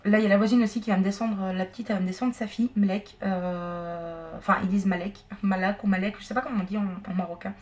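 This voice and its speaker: A vlogger from a Turkish family chats casually, rambling with lots of fillers at a quick pace with hardly any pauses. Her voice is medium-pitched and darkish, with fairly even intonation. She's filmed on a handheld camera at home and while walking outdoors.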